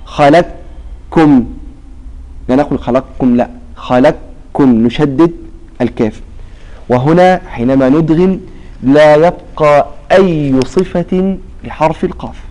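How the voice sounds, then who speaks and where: A man teaching recitation rules in a lesson. He prompts his students with half-finished questions and stretches out example words slowly. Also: a little high, warm tone, poor audio.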